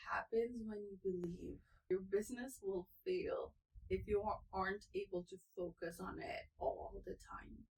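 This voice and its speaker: A woman's voice: medium pitch, lively intonation, measured pace, a little mellow, poor audio. A woman co-hosting a podcast, talking in a supportive, heartfelt way. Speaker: podcast co-host. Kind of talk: casual chat.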